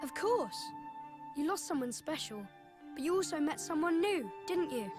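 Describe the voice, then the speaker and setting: A woman playing a gentle, curious young boy in a video game, speaking earnestly and philosophically, like someone wise beyond his years. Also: sits high, big pitch swings, normal speed. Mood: gently reassuring. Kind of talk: video game cutscene acting. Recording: music behind the voice.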